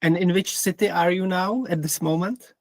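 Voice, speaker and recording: Czech guy hosting a podcast, slow polite questions, fairly high voice, dry sound. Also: steady tone, dry recording. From Czech Republic. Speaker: podcast host. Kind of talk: remote interview.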